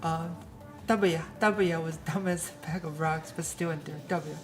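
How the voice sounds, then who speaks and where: A woman streamer chatting casually in a slightly low voice. She talks loosely, restarts often and slips in dry jokes. Soft music plays quietly behind her. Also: steady tone, measured pace. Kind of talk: casual chat.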